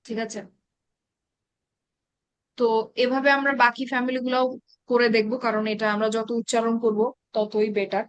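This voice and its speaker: A woman teaching an Arabic grammar class in an online meeting, reciting verb conjugations slowly and explaining in quick asides. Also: fairly high pitch, level tone, no room sound, muffled recording. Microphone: online meeting call.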